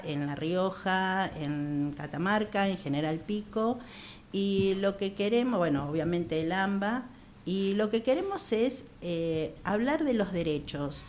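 A woman in her sixties with an Argentine accent, speaking earnestly as a radio interview guest, repeating phrases and pausing to hesitate. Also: medium pitch, darkish tone, a little hiss or hum. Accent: Argentine Spanish. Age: 60s. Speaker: guest, activist for older women.

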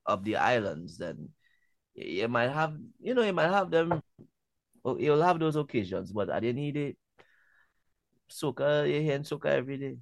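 A man being interviewed as a music artist, talking in a relaxed way and often repeating words as he thinks. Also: mid-range voice, moderate pace, creaky, pauses often, no echo. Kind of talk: casual interview talk.

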